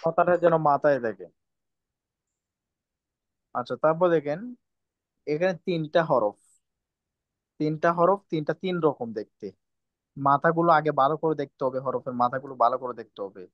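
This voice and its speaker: A man's voice: a little high, normal speed, pauses often, dry recording, dull audio. A man teaching Quran reading, drilling letter sounds over and over and sternly scolding pupils. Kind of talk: online class lesson, drilling letter sounds.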